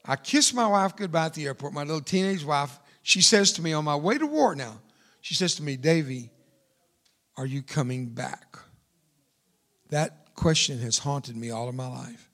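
Here a veteran from the United States, an older man, addresses a congregation as a guest preacher, hammering home repeated phrases with emphasis. He speaks at a normal pace in an animated, somewhat bright voice on the high side.

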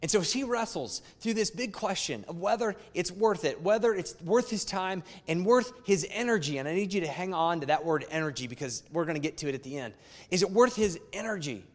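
His intonation lively, a man pastoring a congregation delivers a sermon in a notably high voice while the sanctuary's long reverb hangs after his words. He hammers key phrases through repetition and, in a conversational, emphatic manner, tosses quick asides to the crowd.

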